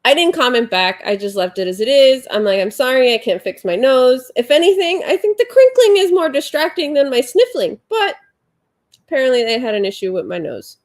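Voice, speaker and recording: High-pitched with big swings in pitch and a slightly fast delivery, this woman in her forties is hosting an informal livestream from her home. Stuffy and sniffling, she reads viewers' comments aloud and rambles in a chatty style full of fillers.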